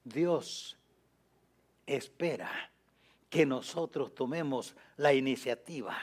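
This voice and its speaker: A man preaching a sermon in an emphatic way, repeating key phrases and often dropping to a low, soft voice. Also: slow.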